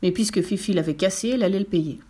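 A woman reads a children's story aloud with a lively, expressive delivery. Her pitch sits in an ordinary middle range. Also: fast talker, breathy edge. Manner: expressive, lively reading with sound effects. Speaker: narrator.

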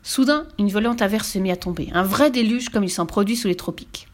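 Brief: woman storyteller, steady, even, mid-pitched, children's book reading. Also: brisk. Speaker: narrator.

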